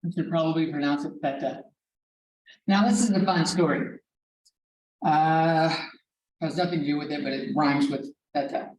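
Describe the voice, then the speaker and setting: A woman's voice: sits low, moderate pace, a little mellow, echoey room. A woman teaching a math class as professor, in a casual, digressive way with some swearing, recorded from far off in a classroom. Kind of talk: classroom lecture.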